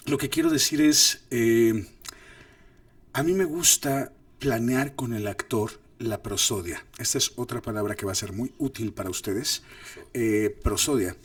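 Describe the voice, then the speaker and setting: A middle-aged man gives a relaxed acting masterclass, his pitch sitting in an ordinary middle range. He jumps into playful acted-out examples as he explains. He sits a little back from the mic in a dry room. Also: a little slow, no echo. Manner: animated, demonstrates lines with exaggerated voices. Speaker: host and filmmaker teaching acting. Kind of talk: casual masterclass talk. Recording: distant mic, dry sound.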